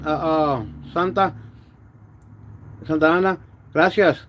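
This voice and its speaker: A man with a slurred, wet lisp from missing front teeth, chatting casually and haltingly in slangy speech as a car vlogger. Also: on the high side, fairly even intonation, noisy background. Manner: halting, stammered repetitions with pauses to manage saliva; slangy, uses "homie" and "dog", drops in Spanish words. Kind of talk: casual livestream chat about car work.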